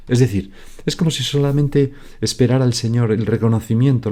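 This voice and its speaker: A priest giving a daily spoken meditation in a slow, prayerful way, pausing and correcting himself as he goes. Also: lowish voice, mellow.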